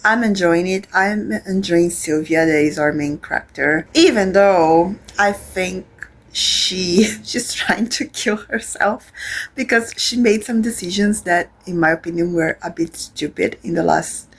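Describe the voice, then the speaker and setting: A young woman talks casually about her current read in English, her voice sitting a little low. She rambles, filling pauses with ums and restarting her sentences. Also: low-quality recording. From Brazil. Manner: rambling, hesitant, many fillers and restarts. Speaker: book vlogger. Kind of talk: casual reading vlog chat.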